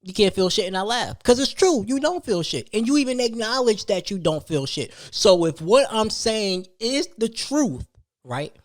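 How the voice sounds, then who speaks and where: Speaking in a high-pitched, expressive voice at a moderate pace, this podcast host rants about a personal story. He's emphatic and slangy, repeating phrases and firing off rhetorical questions.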